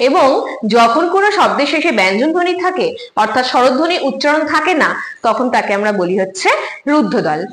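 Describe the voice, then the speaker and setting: Brisk, high-voiced woman teaching online. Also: sing-song, a bit bright, reverberant, low-quality recording. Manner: explanatory, repeats key terms, checks understanding with rhetorical questions. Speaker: Bengali literature teacher. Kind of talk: online lecture explaining prosody.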